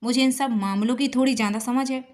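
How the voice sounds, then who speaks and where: A woman voicing a cheeky, joking young man in a spoken love story, in a fairly high voice. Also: steady tone, fast, darkish tone, natural voice. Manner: jokey, amused.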